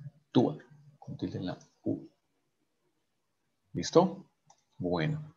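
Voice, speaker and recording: A man's voice: lowish voice, moderate pace, a little mellow, breathy edge, lo-fi sound. A man teaching an engineering class online, working through equations step by step and checking in with "right?" after each step, often restarting his sentences. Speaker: engineering professor.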